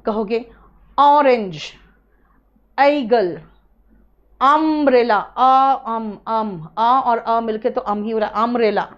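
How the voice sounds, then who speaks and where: A young Indian-accented woman teaches an English class from a small studio, with a fairly high voice. Her pitch swings widely as she explains patiently, and she slows right down to spell out example phrases for her students. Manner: explains patiently, addresses students as beta, drills pronunciation slowly. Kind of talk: online exam-prep class lecture.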